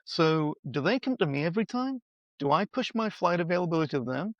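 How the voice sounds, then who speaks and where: A middle-aged man speaking as a guest expert in a conversational podcast interview, animated and acting out quoted dialogue with playful voices. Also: fairly high pitch, fairly quick, no room sound. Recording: slightly dull, dry sound.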